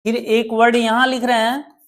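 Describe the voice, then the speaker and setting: A woman teaching a Hindi grammar lesson for exam preparation, explaining slowly and repeating points with questions to her viewers. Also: fairly high pitch, flat delivery.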